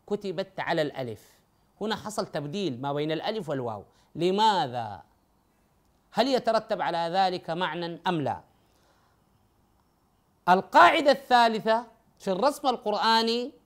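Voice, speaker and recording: A man giving a methodical lecture on scripture and spelling rules, reciting verses and speaking directly to his listeners. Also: sits high. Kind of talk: explanatory religious lecture.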